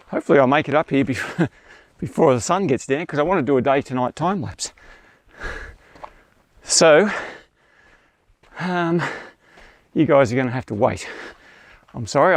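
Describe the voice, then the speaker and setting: A man's voice: mid-range voice, no echo. A man, telling a photography trip story in a chatty, self-deprecating vlog style. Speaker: landscape photographer vlogger.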